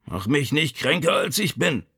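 Brief: a man doing a grumpy injured old father, strained and weak, gravelly, stubborn. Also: sits high, very animated, normal speed, bright, forceful tone, voice pushed up, heavily acted. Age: older.

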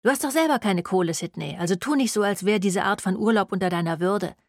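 A woman's voice: medium pitch, fast, dry recording, studio quality, lightly acted. A woman voicing a broke young student who whines and snaps back defensively. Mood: whiny. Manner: whiny, defensive.

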